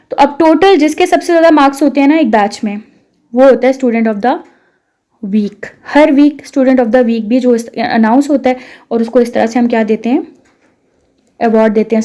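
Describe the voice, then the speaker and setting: Bright-voiced Pakistani woman teacher, dark tone. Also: fairly high pitch. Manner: explains step by step, with rhetorical questions and English mixed in. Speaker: English course instructor. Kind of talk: promotional course explainer.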